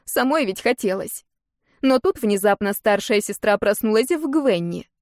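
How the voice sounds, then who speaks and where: A woman narrating a first-person fantasy audiobook in an expressive, lively storytelling manner. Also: mid-range voice, normal speed, no echo, studio quality.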